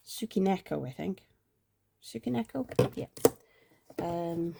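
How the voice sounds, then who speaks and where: With a mid-range, gravelly, warm voice and slight background noise, a woman planner vlogger chats while planning. She's congested with a sore throat, rambles, and sometimes mutters to herself.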